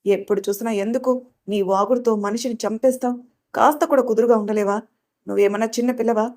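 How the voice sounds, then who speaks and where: A woman's voice: fairly high pitch, steady tone, fast talker, close to an everyday voice. A woman voicing a hot-tempered young man. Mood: furious scolding. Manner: harsh, scolding, shouting.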